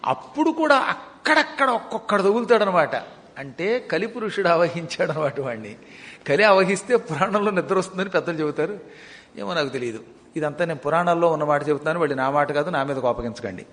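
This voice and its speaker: Male devotional storyteller, high-pitched, dramatic with humorous asides, recorded in a reverberant hall. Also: animated, fairly bright tone. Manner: dramatic, slows down for vivid descriptions, joking asides. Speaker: religious storyteller.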